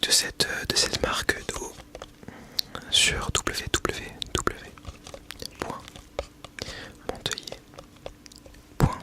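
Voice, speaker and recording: A man's voice: very slow, long pauses. A man whispering breathily in a casual ASMR style, chatting about products with a tongue-in-cheek, mock-solemn manner into a small wireless mic. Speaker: ASMR video creator. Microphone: small clip-on wireless mic being tested.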